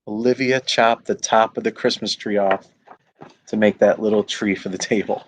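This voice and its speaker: A school superintendent reading a children's bedtime story aloud, with relaxed, chatty asides between passages. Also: male voice, fairly low pitch, moderate pace, slight background noise.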